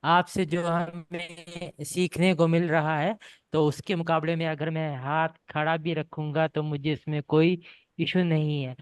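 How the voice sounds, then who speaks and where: Slow, hesitant man asking a question. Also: a little high, flat delivery, clear, resonant tone, dry recording. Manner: hesitant, with false starts. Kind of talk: question at a workshop.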